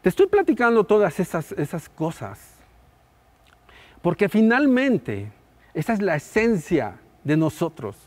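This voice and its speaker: A middle-aged man, preaching a sermon as pastor, building emphasis through repeated phrases and then dropping soft at the ends. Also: sits high, huge pitch swings, measured pace.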